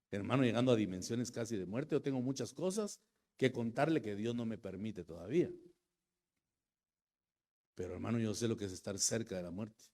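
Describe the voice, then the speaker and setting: Impassioned pastor preaching. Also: male voice, mid-range voice. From Guatemala. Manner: swings from hushed storytelling to loud shouted praise. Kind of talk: sermon.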